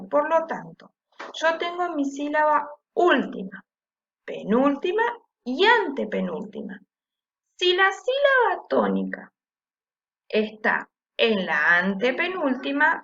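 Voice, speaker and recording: A woman teacher explaining a lesson slowly and patiently, checking often with the class and stressing syllables aloud to demonstrate. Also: high voice, bright, forceful tone, dull audio. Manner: slow and patient, with frequent checking "¿sí?".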